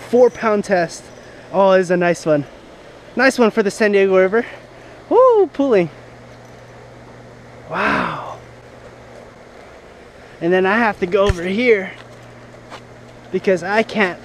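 Fishing from the rocks of a river, a young man vlogs on a head-mounted action camera, explaining his gear and whooping when he lands a fish. His high, expressive voice takes things slowly with frequent pauses, over slight background noise.

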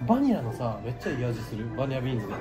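Kansai dude doing a casual food review, really into it, very up and down voice, bg music. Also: male voice, medium pitch, sing-song, racing. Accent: Kansai Japanese. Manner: enthusiastic, agreeing readily. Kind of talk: casual chat while eating and drinking wine.

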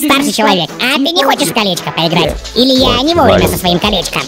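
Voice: medium pitch, lively intonation, fast talker, lightly acted. A performer voicing an eager, naive, slightly whiny talking cartoon dog. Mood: pleading. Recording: music under the voice.

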